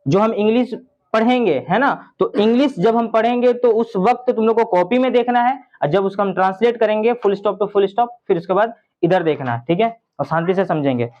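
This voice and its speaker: Teaching an English story to his class, a man with a high voice reads the lines slowly and explains them by asking his students questions. The audio is dull.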